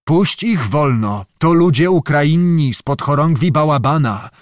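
A man's voice: fairly high pitch, animated, unhurried, no room sound, studio quality, voice pushed up. A man voicing a proud, scheming Cossack leader who speaks firmly and persuasively in an audiobook.

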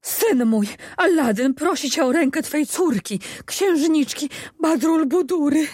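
A woman voicing a timid older peasant mother who pleads before a ruler in high, breathy tones. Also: very animated, unhurried, a little mellow, dry recording, studio quality. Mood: frantic pleading.

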